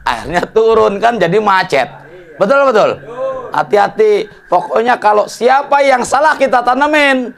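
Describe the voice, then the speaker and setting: High gravelly preacher guy, casual joking sermon, keeps asking the crowd "right?". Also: expressive, unhurried. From Indonesia. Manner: jokey, colloquial, asks audience for agreement. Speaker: Islamic preacher. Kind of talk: casual mosque study sermon.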